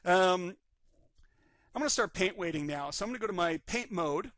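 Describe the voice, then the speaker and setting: A man teaching a live 3D rigging class, calmly narrating each step on screen while his voice is slightly worn. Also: high voice, normal speed, no echo. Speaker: 3D rigging instructor. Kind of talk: live screen-recorded software tutorial.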